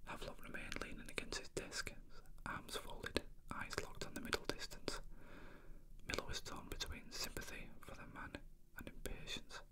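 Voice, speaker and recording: A person reading a novel aloud in an unvoiced whisper, as ASMR narration. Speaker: reader.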